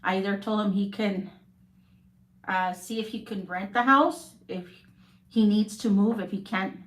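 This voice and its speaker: A woman who works as a real estate agent, talking in a casual, rambling way on a live stream and often checking in with "okay?". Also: mid-range voice. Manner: rambling, keeps adding "okay?". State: coughing.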